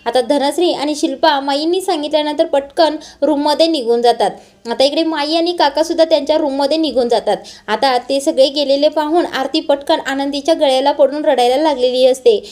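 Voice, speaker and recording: High-voiced woman recapping a serial. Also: a little fast, darkish tone. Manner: quotes each character's lines in her own plain narrating voice. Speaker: serial episode recap narrator. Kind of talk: retelling a TV serial episode.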